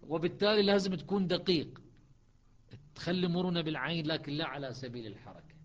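A man teaching a lesson on Quranic readings, explaining step by step and slowing into chanted recitation. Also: on the high side, lo-fi sound, a little hiss or hum.

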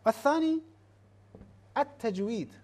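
Halting lecturer asking the class questions. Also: medium pitch, animated, a little mellow. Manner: asks rhetorical questions and checks in with "ha?"; halting, restarts words, spells out lists slowly. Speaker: teacher.

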